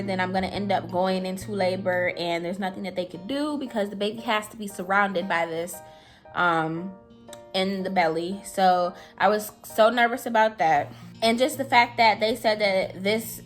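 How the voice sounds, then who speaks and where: A young woman tells a personal story straight to camera in a loose, chatty way, leaning on "like" and "I'm telling you". She sounds anxious, and her voice sits at an ordinary mid pitch. Faint music plays underneath. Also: a bit bright. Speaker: vlogger. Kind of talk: casual storytime.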